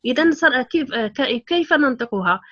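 A woman's voice: high voice, animated, brisk, fairly bright tone, lo-fi sound. A woman teaching Quran recitation rules, patiently explaining them step by step. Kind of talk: online tajweed lesson.

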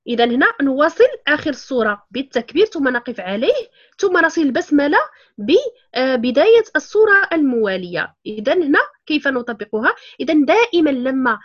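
A woman's voice: sits high, sing-song, fast, fairly bright tone, muffled recording. A woman teaching Quran recitation rules, patiently explaining them step by step. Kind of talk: online tajweed lesson.

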